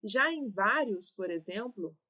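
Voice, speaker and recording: A woman's voice: medium pitch, animated, a little slow, bright, forceful tone. A woman with a Brazilian Portuguese accent, teaching an exam-prep grammar lesson, explaining step by step and checking in with "ok?" and "né?".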